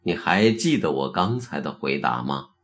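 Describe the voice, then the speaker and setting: A man voicing a terse, probing elderly Zen master in a told story, low and measured. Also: very animated. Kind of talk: storytelling narration.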